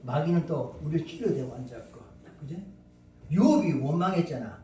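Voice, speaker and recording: A man's voice: fairly high pitch, expressive, normal speed, dark tone, a little hiss or hum. A male pastor preaching a sermon, emphatic and telling stories with acted-out quotes. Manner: emphatic, storytelling, acts out quotes. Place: church sanctuary. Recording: very echoey church hall from far off.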